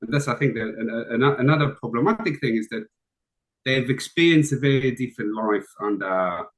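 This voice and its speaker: A man's voice: medium pitch, a little fast, rough recording. A middle-aged man from Israel, a guest talking casually on a call with frequent ums and restarts. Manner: relaxed, hesitant with frequent fillers. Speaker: interview guest. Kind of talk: casual conversation.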